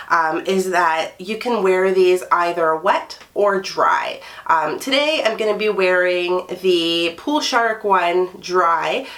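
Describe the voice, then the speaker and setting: Young woman, congested and stuffy, casual excitable beauty vlogger. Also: on the low side. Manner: chatty and excitable, with fillers. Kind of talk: casual product review.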